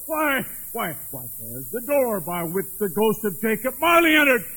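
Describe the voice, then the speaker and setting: A man's voice: high voice, sing-song, moderate pace, sharp tone, slightly rough, heavily acted, rough recording. A man playing an old miser who pleads with a spirit and then bursts with giddy joy at being changed. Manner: pleading, then overjoyed and breathless with laughter.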